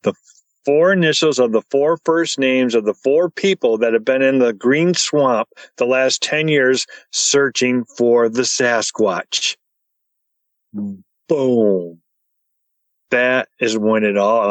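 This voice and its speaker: A man telling his story as a podcast guest, excited and stumbling over his words as he gets wound up. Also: medium pitch, slow pace, no room sound, low-quality recording.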